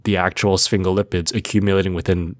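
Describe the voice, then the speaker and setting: A man with a very low, deep voice co-hosts a relaxed educational chat. He explains with playful memory tricks. The sound is dry and close, with no room around it. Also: fast talker, no echo. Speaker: podcast co-host.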